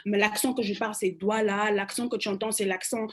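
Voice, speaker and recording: A young woman from Cameroon with a Central African French accent, speaking as a guest on a panel discussion, animated, restarting her phrases often and slipping into English. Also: mid-range voice, fairly quick, a little hiss or hum.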